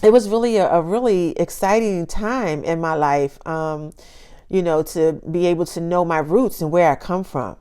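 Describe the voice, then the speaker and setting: Speaking to camera at a moderate pace, a fifty-something woman hosts her own channel with a lowish, mellow, smooth voice. She keeps things casual and cheerful, laughing a lot and repeating phrases to stress them.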